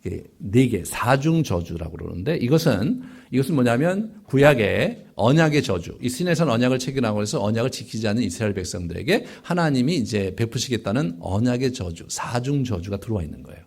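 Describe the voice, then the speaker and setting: A man preaching a Bible lecture as a pastor, animated and full of rhetorical asides. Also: fairly quick, gravelly, few pauses, breathy edge. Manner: animated, rising and falling sharply in pitch and loudness, rhetorical "예?" asides.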